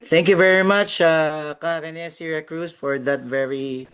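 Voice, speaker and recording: A man's voice: a little high, fairly even intonation, a little slow, a bit bright, clear, resonant tone. A man with a Filipino accent moderating an online forum informally, searching for his words as he goes. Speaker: meeting moderator. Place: online group call.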